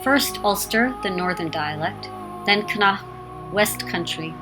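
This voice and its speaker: A woman's voice: mid-range voice, lively intonation, unhurried, low-quality recording. A woman narrating a documentary in an earnest, reflective, scripted manner. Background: music.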